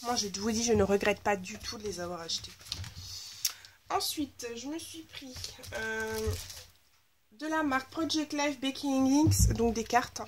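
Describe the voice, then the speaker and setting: With lively intonation and a measured pace, a woman whose voice is a little high and slightly nasal, as if blocked, talks over some background noise. She's a scrapbooking vlogger presenting a casual haul, chatting enthusiastically and gushing about her new craft supplies.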